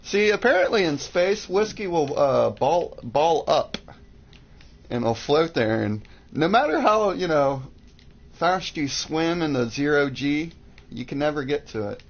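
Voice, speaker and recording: A man co-hosting a casual let's-play video, joking and rambling through drawn-out asides. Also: on the high side, big pitch swings. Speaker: gaming video co-host. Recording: dull lo-fi with game music.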